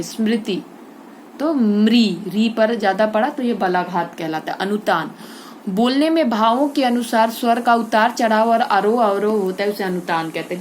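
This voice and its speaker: A woman's voice: on the high side, slight background noise. A woman teaching a Hindi grammar lesson to schoolchildren, explaining step by step and asking and answering her own questions.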